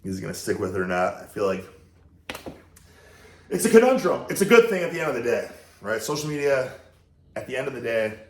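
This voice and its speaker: A man's voice: medium pitch, sing-song, fairly quick, long pauses. A man who is losing his voice, chatting to camera in a loose, blunt way with mild swearing, from a room at home. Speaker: fitness YouTuber reacting to a video. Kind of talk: casual rambling chat to camera. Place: indoor room at home with a TV behind him. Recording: roomy echo.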